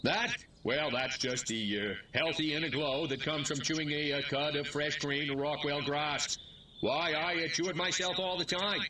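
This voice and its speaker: A man's voice: a little high, fairly even intonation, moderate pace, noisy background, close to an everyday voice. Man voicing an alien faking a human mayor. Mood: folksy bluff. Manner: stilted alien faking ordinary human talk. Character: alien posing as a human male mayor, stiff and fake. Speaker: game character.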